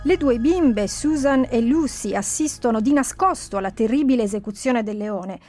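Female radio presenter, high voice, calm scripted explainer, music bed. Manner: measured and explanatory. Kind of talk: scripted commentary.

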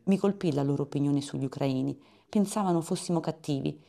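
Donna dalla voce bassa e ruvida. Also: female voice, fast, creaky, warm tone. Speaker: Italian voice-over of a teenage girl's testimony. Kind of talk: dubbed testimony voice-over.

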